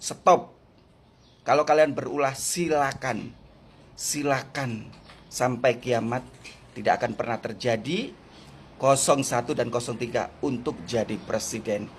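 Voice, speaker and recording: A man delivering a mocking political rant, taunting and repeating his points with drawn-out emphasis. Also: mid-range voice, slightly rough. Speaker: viewer posting a clip.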